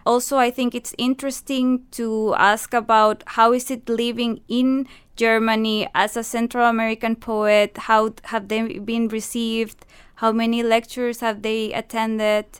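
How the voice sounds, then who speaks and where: Costa Rican woman with a clear voice. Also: fairly high pitch, little pitch movement, a little slow. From Costa Rica. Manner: earnest, explains step by step, non-native English phrasing. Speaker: university staff, event organizer. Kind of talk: radio interview guest. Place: radio studio.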